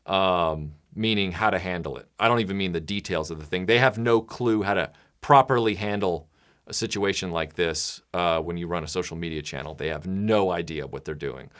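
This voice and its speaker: A man speaking bluntly and casually to his supporters, now and then mimicking other people in loud, high voices. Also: moderate pace. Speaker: channel creator addressing patrons.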